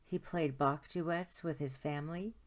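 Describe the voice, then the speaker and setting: Reading a children's picture book aloud, a woman with a low voice takes an expressive, deliberate approach. Like a storyteller, this storytime host stretches out key words to emphasize them.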